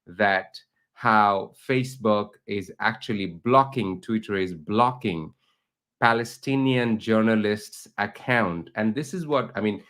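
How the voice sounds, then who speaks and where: A man's voice: on the low side, slow, fairly bright tone. A middle-aged man from Bangladesh, a teacher and researcher, interviewing a guest online with long, earnest questions. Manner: earnest, builds up long questions, rising emphasis.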